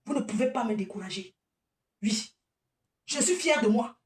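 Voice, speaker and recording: A woman delivers a scolding livestream rant in a high voice. She often breaks into laughing asides. The sound is roomy and echoey, with the speaker sitting some way back from the mic. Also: expressive, moderate pace. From Cameroon. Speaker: event organizer. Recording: echoey room, distant from mic.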